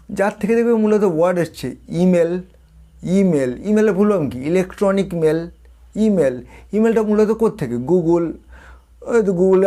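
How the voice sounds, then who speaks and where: A man's voice: fairly high pitch, mellow. Man teaching English words. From India. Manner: explains each term, then repeats it and quizzes the viewer. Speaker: English tutor. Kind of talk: spoken language lesson.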